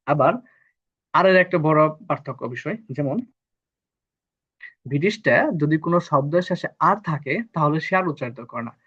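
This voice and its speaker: A man from Bangladesh teaches a live online lesson, patiently repeating each term so students catch it. His voice sits a little high and sounds husky. The recording is dull and lo-fi. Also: animated, normal speed, long pauses, fairly bright tone. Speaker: English teacher.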